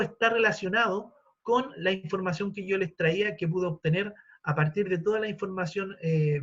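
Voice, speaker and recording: A man's voice: sits high, fairly bright tone. Man in his forties lecturing, lo-fi sound. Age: 40s. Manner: explanatory, with many fillers and restarts. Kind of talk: live online talk. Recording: dull lo-fi sound.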